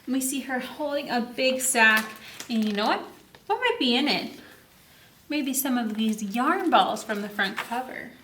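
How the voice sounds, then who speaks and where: Her voice is a little high, caught in a roomy space with slight hiss or hum. She hosts a children's story time, reading a picture book with expression, stretching her words out slowly, and quizzing the kids as she goes.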